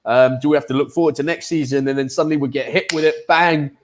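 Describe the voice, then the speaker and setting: Chatty man with a higher voice. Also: steady tone, quick pace, a little hiss or hum. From United Kingdom. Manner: chatty and upbeat, with many fillers. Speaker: host and football pundit. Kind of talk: casual online chat show.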